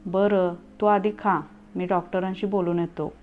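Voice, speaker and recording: A woman's voice: fairly low pitch, flat delivery, measured pace, close to an everyday voice. A woman voicing an angry young husband and father who talks in a harsh, commanding way. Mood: gentle. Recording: tinny phone-like audio, faint music.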